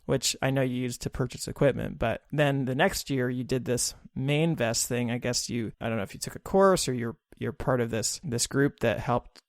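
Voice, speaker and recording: A man's voice: mid-range voice, moderate pace, hardly any pauses, dry recording, clean studio sound. A man hosting an interview in a conversational way, reading figures from his notes as he asks questions. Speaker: podcast host. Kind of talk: casual interview.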